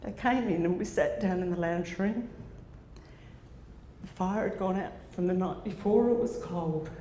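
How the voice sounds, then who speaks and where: A woman in her sixties, Australian-accented, addresses a conference audience with a personal story, unhurried and fairly low-pitched with a dark tone. She uses fillers and restarts. Her handheld mic picks up the conference hall's echo and a faint noise.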